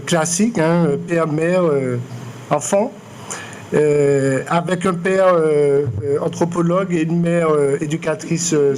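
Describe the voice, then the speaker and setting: A man in his late forties from Martinique, an artist answering interview questions in a measured, hesitant way with many fillers and restarts. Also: a little high, a little mellow, slight background noise. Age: 40s. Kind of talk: public interview, hesitant and reflective. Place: lecture room.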